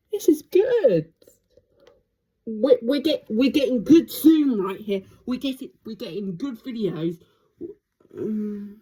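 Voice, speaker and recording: A woman filming birds through a window at home, giving casual, excitable commentary full of gasps and exclamations. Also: medium pitch, slightly rough. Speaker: birdwatcher filming her garden.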